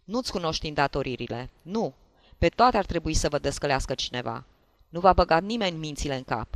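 Brief: man playing a blustering, tipsy jealous husband, raised and loud, dry close sound. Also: on the high side, animated, dry recording. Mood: furious. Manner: shouting, scolding. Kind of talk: audiobook character voice.

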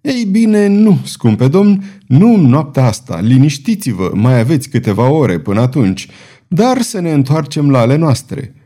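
Un bărbat care dă glas unui spadasin mândru și batjocoritor, guvernator de fortăreață, vorbind lăudăros și cu ton ridicat, provocator. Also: male voice, medium pitch, big pitch swings, mellow. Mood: mocking. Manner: boastful, taunting, triumphant. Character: proud, mocking adult male swordsman, fortress governor.

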